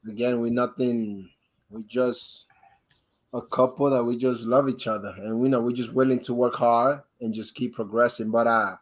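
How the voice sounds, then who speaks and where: A man from the Dominican Republic, a guest on a live interview, telling his own story in a halting way with many restarts and fillers. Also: medium pitch, fairly even intonation, rough recording. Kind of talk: candid personal storytelling.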